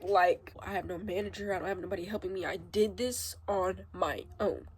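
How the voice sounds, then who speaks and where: A young woman crying as she speaks a halting, emotional confessional vlog, her voice rising and breaking as she gets upset. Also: on the low side, darkish tone, husky. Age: young adult. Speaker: vlogger.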